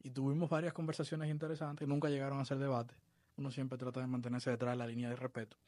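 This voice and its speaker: A man from the Dominican Republic, a baseball coach being interviewed, talking in a measured, reflective way. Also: mid-range voice, flat delivery, darkish tone, no echo. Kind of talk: podcast interview.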